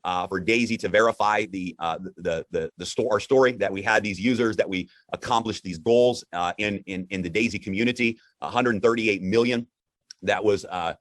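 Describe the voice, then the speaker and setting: A man hosting a live broadcast in an upbeat, conversational way, often halting and repeating words as he goes. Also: on the low side, fairly bright tone, dry recording. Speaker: host.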